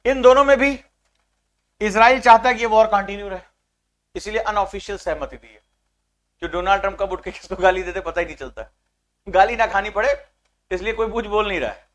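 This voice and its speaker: A man giving casual commentary on world affairs, animated and mocking, acting out little scenes as he talks. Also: high voice, fairly quick, long pauses. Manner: acts out scenes with sound-alike chants. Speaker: political commentator.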